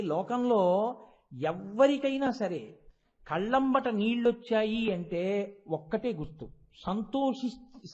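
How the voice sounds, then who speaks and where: A man delivers a devotional discourse in a very high, ringing voice, telling a sacred story with emphatic rises and falls. He briefly voices the characters as he goes. The audio is dull and lo-fi. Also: darkish tone. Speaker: religious discourse speaker.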